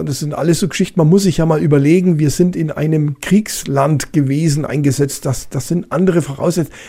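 A retired police officer appears as a guest, a middle-aged man with a Franconian German accent and a fairly high, warm voice. He tells anecdotes casually and colloquially, with plenty of fillers and restarts.

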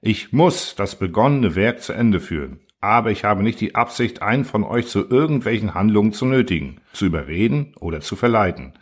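Husky low-voiced lecturing machine ruler, read by a man, calm and condescending. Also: brisk, hardly any pauses. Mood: cold. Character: cold, lecturing order-obsessed machine ruler.

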